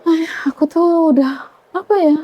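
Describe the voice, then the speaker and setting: A woman's voice: very high voice, steady tone, normal speed, dull audio. A woman, calling in to confide a family dispute in a rambling, aggrieved way. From Indonesia. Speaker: caller. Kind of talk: emotional personal confession.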